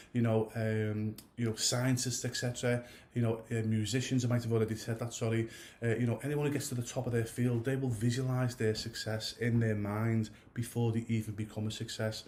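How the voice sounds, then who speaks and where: A man in his thirties or older, with a mid-range and slightly mellow voice, gives a casual coaching talk to goalkeepers. He rambles, keeps restarting, and drifts into asides, all while stuffed up from a cold.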